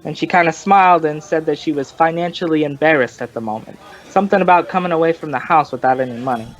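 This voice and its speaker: An actor plays a folksy male informant in old-time radio crime drama style, rambling through his story in colloquial, long-winded fashion. His natural voice is a little high, and the sound is lo-fi.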